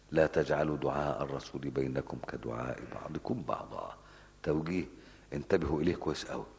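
A man preaching a Ramadan mosque lesson in an Egyptian Arabic accent, animated and scolding, asking rhetorical questions and answering them himself. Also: low-pitched, vocal fry, big-room sound.

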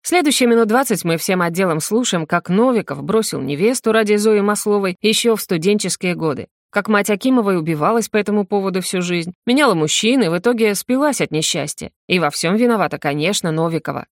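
A woman narrating a first-person audiobook in a steady reading voice. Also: mid-range voice, fast talker, few pauses, no room sound, studio quality.

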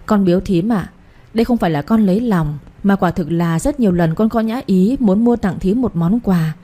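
A woman's voice: medium pitch, normal speed, mellow, natural voice. A woman voicing a cunning, jealous young pregnant wife who speaks with false sweetness. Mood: ingratiating.

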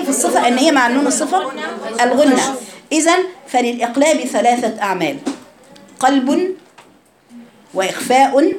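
Fast-talking Egyptian woman teacher. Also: fairly high pitch, darkish tone, roomy sound. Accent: Egyptian Arabic. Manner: asks questions and demonstrates sounds. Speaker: Quran recitation teacher. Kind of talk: classroom lesson.

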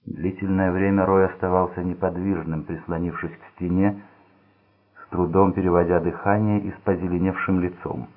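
Deep husky male narrator, phone-thin. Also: flat delivery, moderate pace. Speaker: audiobook narrator. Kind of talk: scripted crime novel narration. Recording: tinny phone-like sound.

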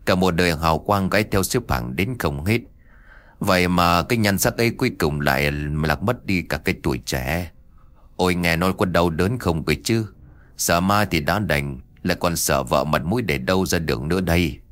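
A man's voice: deep voice, normal speed, a bit bright, no echo. A man voicing a cowardly, henpecked old male exorcist who whines and complains in a storybook tale. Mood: whining. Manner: whiny complaining.

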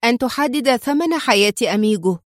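A woman's voice: fairly high pitch, expressive, no room sound, clean studio sound, natural voice. A woman voicing a bold, determined young woman who bargains in a cool, businesslike way. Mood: sharp. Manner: businesslike, cool, quick to turn sharp.

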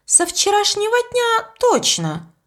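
A woman's voice: very high voice, huge pitch swings, slow, fairly bright tone, pitched above the performer's own voice, heavily acted. Clever young girl sleuth, read by a woman. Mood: calm. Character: plucky, calm young girl detective.

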